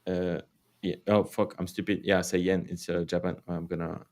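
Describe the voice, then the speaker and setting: Livestream host, French-accented man, lowish voice, rambling and casual. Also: little pitch movement, moderate pace, darkish tone. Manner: rambling, filler-heavy, swears, laughs often.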